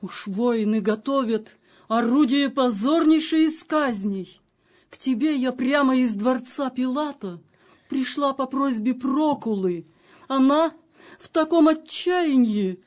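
A woman's voice: high-pitched, animated, takes it slowly, a little mellow. An actress playing an anguished noblewoman bearing grim news in a declaimed, tremulous verse drama style. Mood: grave.

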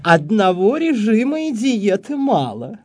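A man playing a high-voiced, decisive salon manageress, slow and husky, storybook comedy. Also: very animated, darkish tone, full character voice. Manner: decisive, exclamatory. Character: brisk woman running a beauty institute. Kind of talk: comic audiobook reading.

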